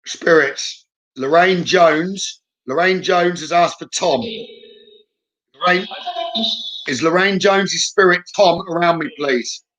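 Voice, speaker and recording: A man's voice: a little high, slow, pauses often, a bit bright, rough recording. A man working as a medium on a live stream, calling out short, repeated questions and instructions to spirits and viewers.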